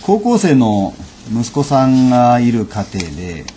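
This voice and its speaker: Lively-pitched man telling a lesson story. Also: a little hiss or hum. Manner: measured, unhurried delivery with frequent fillers. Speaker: lecturer. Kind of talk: storytelling lecture.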